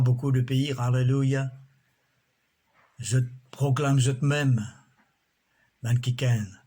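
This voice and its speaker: A man preaching a sermon in a slow, measured way, often breaking in with alleluias. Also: medium pitch, darkish tone, husky.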